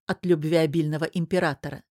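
A woman reads a novel aloud in an even, measured way, her voice set fairly low. The sound is close and dry, with no room echo. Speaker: audiobook narrator. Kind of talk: scripted narration.

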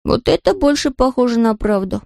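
A woman's voice: a little high, big pitch swings, a little fast, a little mellow, dry recording, studio quality, voice pushed up. Proud grumbling fox cub, voiced by a woman. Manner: gruff grumbling. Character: young fox cub boy, proud and touchy.

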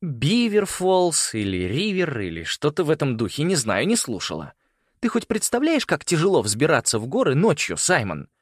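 A man's voice: low-pitched, quick pace, few pauses, dry recording, clean studio sound, lightly acted. A man voicing a tired, irritable teenage girl who grumbles in exasperation. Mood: grumbling.

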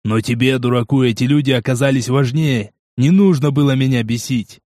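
A man voicing a cruel, cynical male gang boss in an audiobook, slow and contemptuous. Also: medium pitch, a little mellow, dry recording, clean studio sound, natural voice. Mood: hissing menace. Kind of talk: audiobook character voice.

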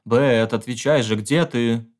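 A man's voice: medium pitch, unhurried, natural voice. A man reading an audiobook voices a frightened husband who calls out anxiously and cries out in terror. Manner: calls out anxiously, then screams and sobs. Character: frightened middle-aged husband, pleading and terrified.

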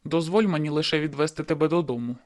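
A woman's voice: fast talker, a little mellow, natural voice. A woman voicing a stubborn, cocky young man. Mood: teasing. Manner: low, insistent and teasing.

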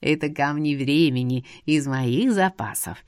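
A woman voicing a sly, teasing old male seer with a long beard who drawls slowly. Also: low-pitched, darkish tone, dry recording, clean studio sound, voice pushed down. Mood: coaxing.

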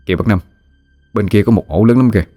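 A man's voice: on the low side, fast talker, dark tone, soft background music, close to an everyday voice. A man voicing an eager, respectful young man. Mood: whispering.

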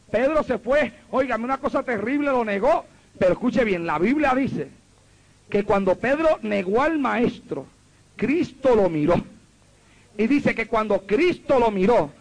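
High-voiced gravelly preacher. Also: male voice, rough recording. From Puerto Rico. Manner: fervent, builds to loud commanding prayer; storytelling with repeated exclamations. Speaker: pastor. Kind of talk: sermon.

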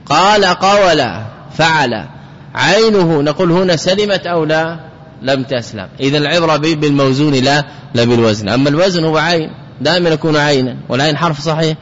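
A man teaching grammar in a fairly high voice, drawing out and repeating example words, then posing questions and answering them himself. The recording sounds muffled, with a long reverb trailing off each phrase. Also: a bit bright. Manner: explains slowly, repeating example words and asking rhetorical questions. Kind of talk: classical grammar lesson. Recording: dull audio with long hall reverb.

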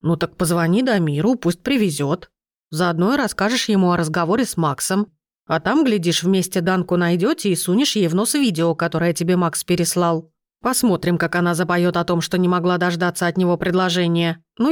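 A fussy, shrewd old grandmother who scolds and advises, as voiced by a woman narrator. The voice is fairly low and dry, close to the mic. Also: a little fast, no echo, close to an everyday voice. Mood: bossy.

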